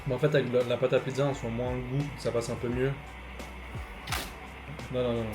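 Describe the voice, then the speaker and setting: A young man, animated, tasting fast food in a casual vlog and swearing loudly at bad food. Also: mid-range voice, over music, rough recording. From Switzerland. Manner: animated, loud bursts of disgust, swearing. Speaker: food vlogger.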